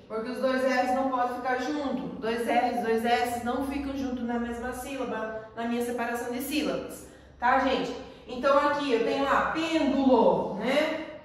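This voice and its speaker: A Brazilian woman teaching a school lesson, explaining patiently and often checking in with her class. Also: a little high. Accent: Brazilian Portuguese. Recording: echoey room, voice from far off.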